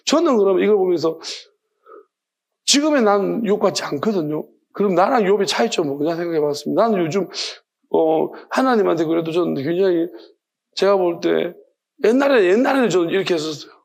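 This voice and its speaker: A male pastor gives a lively, chatty midweek sermon and laughs easily. His voice sits high for a man. It has a gravelly edge throughout. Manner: animated, conversational, laughs often.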